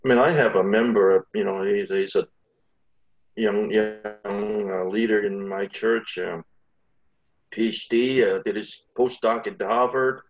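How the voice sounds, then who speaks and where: A man with a husky, creaky voice, talking haltingly in a casual interview as the guest. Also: on the low side, fairly even intonation, dull audio. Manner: halting, hedging with frequent "you know". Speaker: interview guest, academic dean and church leader.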